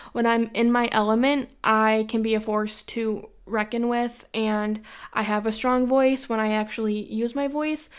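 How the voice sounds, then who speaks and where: A young woman from Western New York hosts her own podcast, rambling casually through a monologue full of opinions and repeated filler phrases. Her voice is fairly high and smooth.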